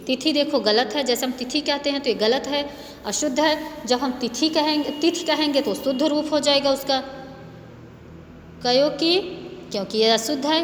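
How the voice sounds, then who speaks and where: A woman teacher takes young children through a grammar lesson, saying each word twice in a patient, steady way. Her voice sits a little high. The recording rings with a long room reverb over faint background noise. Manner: patient, repeats words slowly for young pupils. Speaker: school teacher.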